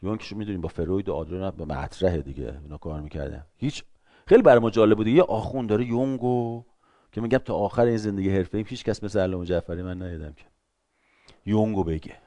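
A middle-aged man giving a lively talk to an audience, acting out short everyday dialogues in shifting voices. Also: sits low, no room sound. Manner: acts out little dialogues in changing voices.

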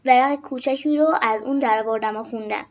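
A woman narrating a children's story in a gentle, measured way. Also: on the high side. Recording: dull lo-fi recording.

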